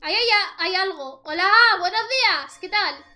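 Very high, bright-voiced young Spanish woman. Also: lively intonation, normal speed, soft background music. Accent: Spain Spanish. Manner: chatty, exclaims at the screen and addresses viewers. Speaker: let's play host. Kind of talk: casual gameplay commentary.

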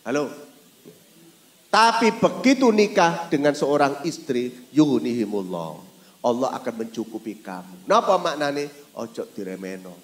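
A middle-aged man with an East Javanese accent preaching a sermon, telling stories animatedly with sudden loud exclamations. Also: a little high, sing-song, measured pace. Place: mosque hall. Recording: roomy hall reverb.

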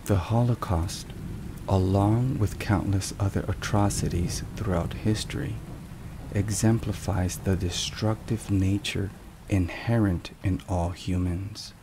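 A man narrates ASMR-style in a low, solemn voice, following a script and speaking very slowly and deliberately with fairly even intonation. Behind him, thunder and rain are clearly heard, plus background noise.

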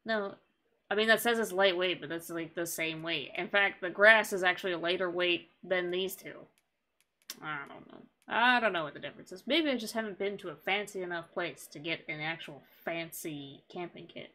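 A woman's voice: lowish voice, moderate pace, pushed and bright, a little hiss or hum. A woman streaming a video game, chatting casually with sarcastic, jokey asides. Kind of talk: casual gameplay chat.

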